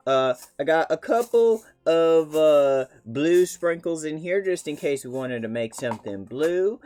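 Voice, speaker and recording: A man's voice: a little high, expressive, unhurried, darkish tone. A man chatting casually on a live stream, playful and rambling, with many fillers.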